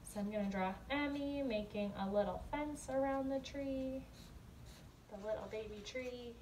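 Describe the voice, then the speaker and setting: Speaking at a moderate pace, this young kindergarten teacher has a high voice with a darkish tone. Working from a small room at home, she keeps explanations simple and poses questions as if the kids reply. The audio is poor, with a little hiss or hum, picked up by a device camera a step or two off.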